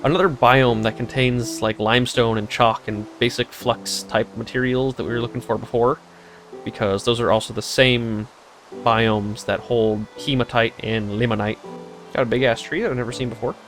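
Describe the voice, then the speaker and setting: A young man talks his way through a gameplay recording, thinking out loud and dropping dry, sarcastic jokes. His voice sits at an average pitch. Soft game music plays faintly behind him. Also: fairly even intonation, moderate pace. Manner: rambling, sarcastic, laughs often. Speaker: let's play host. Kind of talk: casual gameplay chat.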